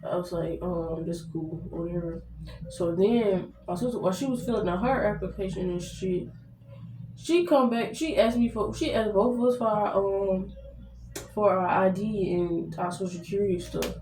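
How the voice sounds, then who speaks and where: A woman's voice: medium pitch, moderate pace, a little mellow. A young American woman telling a story casually to viewers, blunt and slangy, swearing heavily. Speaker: vlogger. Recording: roomy echo, distant mic, faint noise.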